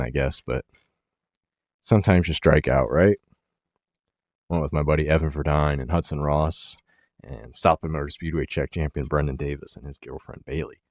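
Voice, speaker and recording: A man with a very low voice hosts a short-track racing show in casual talk. He gets fired up and punches his words, then drops to a mumble. The sound is dry and close. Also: dry recording. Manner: excited and emphatic, trails off quietly. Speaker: racing podcast host.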